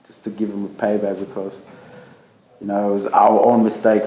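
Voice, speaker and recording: A young man being interviewed as a football guest, laid-back and halting. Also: on the low side, warm tone, slight background noise. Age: young adult. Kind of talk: casual interview. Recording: roomy echo.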